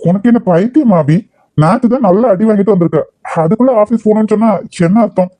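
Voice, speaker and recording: Brief: guilt-tripping Kanyakumari uncle in a cartoon, voiced by a man, high and mellow. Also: quick pace, no room sound. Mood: teasing. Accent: Kanyakumari Tamil. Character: older uncle, sly and coaxing. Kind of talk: cartoon voice acting.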